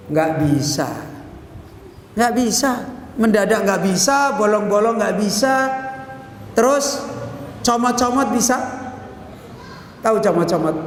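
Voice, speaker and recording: A man preaches a sermon in a mosque, his voice pitched very high. He keeps asking his listeners questions and answering them. The recording rings with long hall reverb over a faint hiss. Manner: asks the audience rhetorical questions and answers them.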